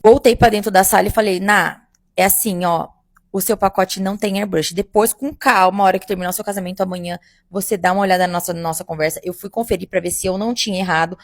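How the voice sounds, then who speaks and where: Brief: young woman, makeup artist, gravelly, dry close mic, casual animated storytelling. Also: mid-range voice, fast talker, no echo. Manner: animated, addresses listeners as "gente". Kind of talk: casual first-person storytelling.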